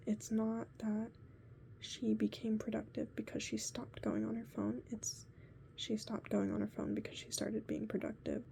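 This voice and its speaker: A woman's voice: on the high side, gravelly, warm tone, slight background noise. A woman recording a personal video diary on her phone, talking mostly in a whisper and rambling as she reflects on her goals. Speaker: video diarist. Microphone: phone camera.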